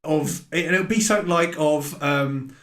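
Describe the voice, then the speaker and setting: A man's voice: fairly high pitch, unhurried, a bit bright. Rambling young man, dry jokes. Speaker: podcast co-host. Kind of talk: casual podcast chat.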